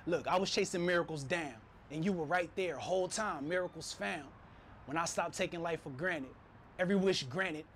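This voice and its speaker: A man in his thirties gives a steady, reflective spoken word piece at a stand mic. His voice sits slightly high for a man. Faint noise drifts in around him on the open rooftop. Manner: steady, heartfelt, reflective delivery. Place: city rooftop, outdoors.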